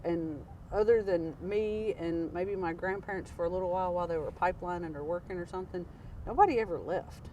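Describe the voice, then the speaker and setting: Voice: medium pitch, fairly quick, dark tone, distant mic, lo-fi sound, a little hiss or hum. A speaker from Tennessee with a Southern accent, telling rambling stories in casual chat. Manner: rambling, anecdotal, many "like" fillers. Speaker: interviewee, local.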